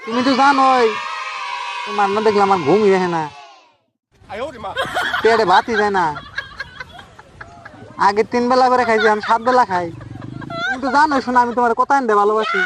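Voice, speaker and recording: A man's voice: high voice, sing-song, moderate pace, pauses often, noisy background. A man sweet-talking a sweetheart on a comic one-sided phone call, in doting, over-the-top tones. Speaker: comedy sketch performer. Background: background music.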